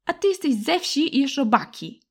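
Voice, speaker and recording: A woman's voice: sits high, animated, moderate pace, voice pushed up. A woman voicing a sulky, frightened boy from the city, petulant and stammering in his retorts. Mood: taunting.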